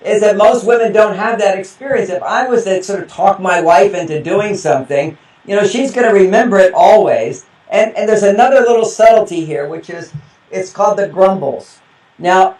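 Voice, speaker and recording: A man, a guest relationship expert, who tells animated stories in an interview, often laughing and acting out quotes. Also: sits high. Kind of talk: interview storytelling. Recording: roomy echo, distant mic.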